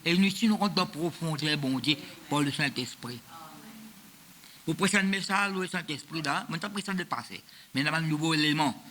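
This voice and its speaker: A man's voice: a little high, fairly quick, bright, forceful tone, slight background noise. A man, preaching a sermon as pastor of a church, in a loose, repetitive style that mixes French and Creole. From Mauritius.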